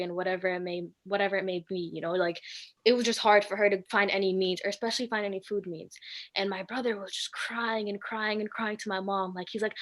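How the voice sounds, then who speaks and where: A woman's voice: mid-range voice, a bit bright. Chatty young woman telling a story. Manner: chatty, many filler words, acts out quoted voices. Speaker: co-host. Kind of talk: casual personal storytelling.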